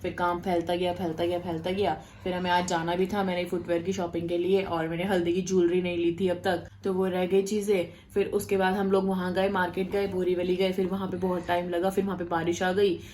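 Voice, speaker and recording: A woman vlogger in casual storytelling to camera, chatty and animated, talking straight to her viewers. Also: fairly low pitch, a little fast, hardly any pauses, a little hiss or hum.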